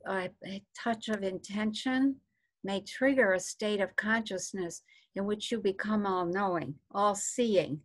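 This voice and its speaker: Slow, halting woman losing her voice. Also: mid-range voice. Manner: halting, searching for words with many fillers. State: losing her voice, clearing throat. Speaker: teacher answering participants' questions. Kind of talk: casual spoken teaching.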